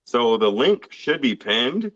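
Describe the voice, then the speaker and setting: A man making a slow, halting announcement on a live stream. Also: medium pitch, big pitch swings, a bit bright, dull audio.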